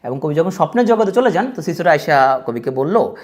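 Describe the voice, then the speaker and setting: A man's voice: fairly high pitch, big pitch swings, a little fast, dull audio. A man with a Bangladeshi Bengali accent giving a casual exam-prep lecture, chatty and joking as he speaks straight to his students. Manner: chatty, joking, colloquial, addresses students directly.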